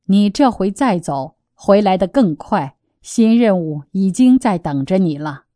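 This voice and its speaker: A woman reading the part of a calm Buddhist teacher who gives guidance in a gently instructive way. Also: medium pitch, measured pace, no echo, studio quality, natural voice.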